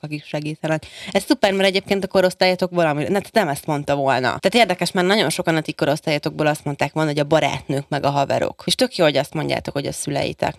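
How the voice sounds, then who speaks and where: Creaky-voiced woman radio host. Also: low voice, no echo, studio quality. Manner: encouraging, sums up answers and asks follow-up questions. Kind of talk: radio interview with school pupils. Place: radio studio. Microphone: studio microphone.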